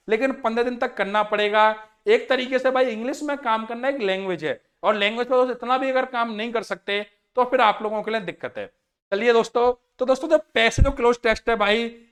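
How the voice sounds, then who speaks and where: Young male coaching teacher, very high voice, chatty lecture style, keeps addressing the students as friends. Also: fairly bright tone. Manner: chatty, repeatedly addressing listeners as friends and brothers. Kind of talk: lecture to exam aspirants.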